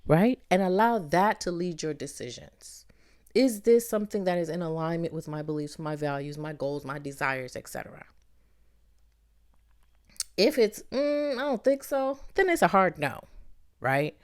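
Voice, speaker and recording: A middle-aged woman from Barbados hosting a motivational podcast, talking in a lively, playful way and calling the listener "baby". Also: on the low side, normal speed. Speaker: podcast host.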